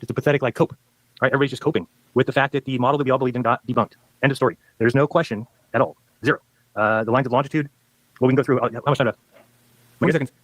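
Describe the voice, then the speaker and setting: Rapid, insistent man arguing. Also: mid-range voice, no echo, low-quality recording. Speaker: debater in a played debate video. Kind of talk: debate argument.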